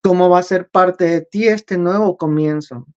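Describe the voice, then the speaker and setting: A man voicing a gentle, calm divine father figure, speaking very slowly and softly. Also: sits high, clear, resonant tone, muffled recording. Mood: solemn. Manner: very slow, soft, solemn.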